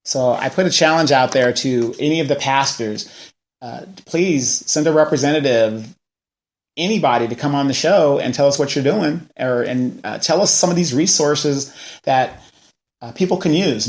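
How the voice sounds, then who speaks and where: At a moderate pace, a man in his forties with a mid-range voice hosts a local news show. His casual political commentary comes as a rant, with rhetorical questions fired one after another.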